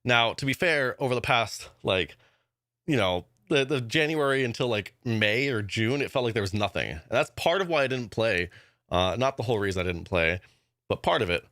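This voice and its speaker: A man giving a casual vlog update as a gaming YouTuber, excited and rambling with lots of fillers. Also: medium pitch, moderate pace, no room sound, clean studio sound.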